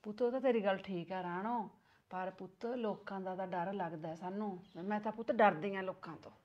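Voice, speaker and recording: ਇੱਕ ਔਰਤ ਪੰਜਾਬੀ ਲਘੂ ਫ਼ਿਲਮ ਵਿੱਚ ਪਿੰਡ ਦੀ ਸਬਰ ਵਾਲੀ, ਫ਼ਿਕਰਮੰਦ ਸੱਸ ਬਣੀ ਹੈ, ਜੋ ਨੂੰਹ ਨੂੰ ਪਿਆਰ ਨਾਲ ਮਨਾਉਂਦੀ ਹੈ।. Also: female voice, medium pitch, moderate pace, highs cut off, close to an everyday voice. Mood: coaxing. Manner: soothing, pleading, worried. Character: village mother-in-law, patient and worried. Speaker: mother-in-law. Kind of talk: Punjabi short film acting.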